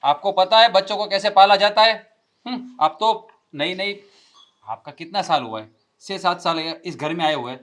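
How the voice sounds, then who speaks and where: A man's voice: high voice, lively intonation, moderate pace, a bit bright. An actor playing a rude, quarrelsome younger brother who scolds his family harshly. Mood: taunting. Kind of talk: scripted family drama acting.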